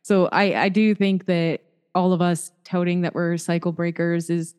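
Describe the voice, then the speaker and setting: A woman podcast co-host in casual chat, speaking reflectively and haltingly, with frequent fillers. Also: lowish voice, flat delivery, darkish tone, smooth, big-room sound.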